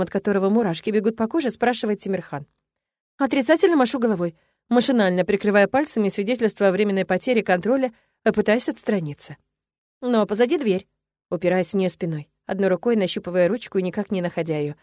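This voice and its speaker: Expressive woman reading a romance novel. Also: medium pitch, no room sound, studio quality. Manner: lively, emotional, inner-monologue reading. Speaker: audiobook narrator. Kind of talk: first-person novel narration.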